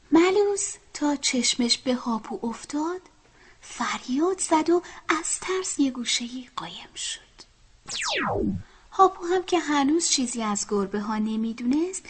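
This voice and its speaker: A woman narrating a children's bedtime story in a gentle whisper. Her breathy voice sits a little high and moves in lively rises and falls. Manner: soft, hushed and gentle.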